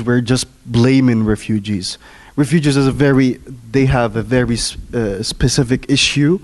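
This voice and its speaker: A man from Morocco poses a question from the floor of a panel, searching for words. He stumbles and repeats himself, and now and then clears his throat. His voice sits in a middle pitch. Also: darkish tone. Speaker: audience member asking a question.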